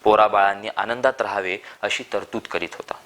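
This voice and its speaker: A man reading a short story aloud in calm, measured narration. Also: on the low side.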